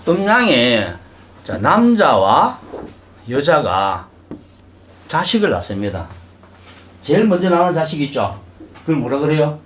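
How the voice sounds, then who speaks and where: A man's voice: on the high side, very animated, unhurried, pauses often, a bit bright, echoey room, a little hiss or hum. A middle-aged man, giving a live lecture to a class. He keeps putting questions to the class and acting out little voices. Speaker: saju lecturer. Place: lecture room with audience.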